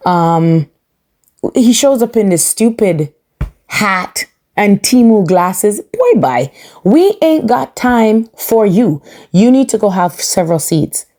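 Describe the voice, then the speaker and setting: A woman giving a sassy, opinionated recap of a TV episode. Her pitch swings widely as she repeats her points for emphasis. Her tone stays dark and mellow underneath. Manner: animated, sassy, emphatic repetition. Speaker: podcast host reviewing a reality show.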